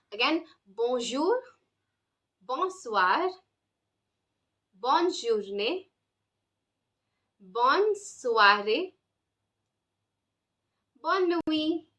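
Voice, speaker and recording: A woman gives a beginner language lesson, modeling each word and explaining pronunciation with patience. Her voice sits high and sounds bright and clear. She speaks slowly and deliberately so learners can follow. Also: animated. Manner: explains patiently, drills words for repetition. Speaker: French teacher.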